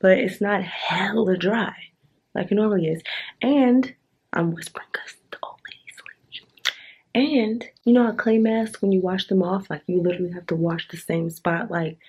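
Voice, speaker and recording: A beauty vlogger with a medium-pitched, darkish voice chats playfully at a moderate pace, using casual slang while filming in a hotel room. Her camera mic picks up a little hiss or hum.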